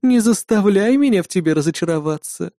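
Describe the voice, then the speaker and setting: A man's voice: sits high, animated, mellow, no room sound, studio quality, voice pushed up. A man putting on a commanding sly demoness. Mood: mocking. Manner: imperious, mocking, slow drawl. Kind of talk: audiobook narration.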